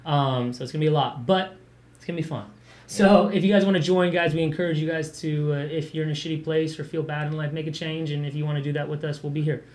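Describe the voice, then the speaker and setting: A man's voice: on the high side, steady tone, quick pace, a little mellow. A young man hosting a podcast in a loose, chatty way, swearing freely and laughing easily. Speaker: podcast host. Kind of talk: casual podcast chat.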